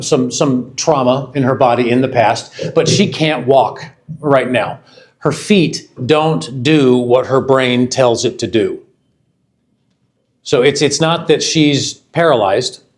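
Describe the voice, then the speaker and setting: Halting man in his fifties presenting. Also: a little high, darkish tone. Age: 50s. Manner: halting, repeats words, talks to the audience with questions. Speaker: company vice president presenting a product. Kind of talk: live product launch presentation. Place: event hall before an audience.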